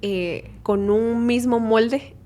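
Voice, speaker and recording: A woman's voice: a little high, steady tone, very slow, warm tone. A woman co-hosting a casual faith podcast, reflecting and explaining her thoughts. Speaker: podcast co-host.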